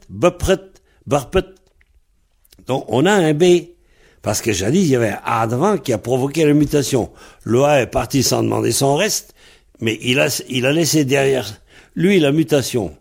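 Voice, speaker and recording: Male teacher, slow and patient, explains methodically and spells things out. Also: on the high side, a little mellow. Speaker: language teacher. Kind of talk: spoken language lesson.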